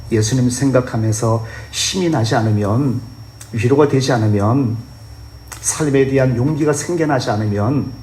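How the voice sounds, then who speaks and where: A man's voice: medium pitch, a little mellow. Man preaching. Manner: impassioned preaching, acting out quoted voices. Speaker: pastor. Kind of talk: Sunday sermon. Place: church sanctuary. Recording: echoey church hall with faint hum.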